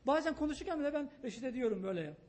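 Excitable loud guy preaching to the congregation, pleading and emphatic. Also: very high voice, racing. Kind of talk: sermon on parenting.

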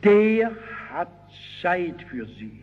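A man's voice: high voice, drawn-out words, faint music behind. A middle-aged male preacher giving a sermon, telling stories vividly and crying out the voices of the people in them. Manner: animated storytelling, shouting out quoted cries. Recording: dull old hall recording with long reverb.

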